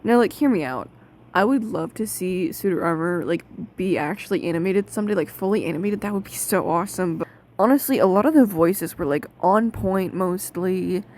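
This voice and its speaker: A woman's voice: fairly low pitch, normal speed, a little mellow. Chatty young woman reviewing a dub. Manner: chatty, lots of fillers, opinionated. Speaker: video host and reviewer. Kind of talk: casual video review commentary.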